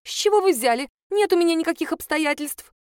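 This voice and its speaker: Woman putting on a shrill, flustered office accountant. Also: expressive, moderate pace, no room sound, studio quality. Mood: indignant. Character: plump nosy female office accountant, excitable.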